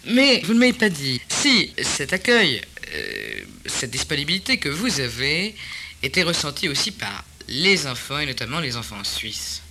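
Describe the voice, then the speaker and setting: A man's voice: fairly high pitch, wildly swooping pitch, normal speed, pushed and bright, a little hiss or hum. A man hosting a broadcast panel discussion, hesitant with many fillers. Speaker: host.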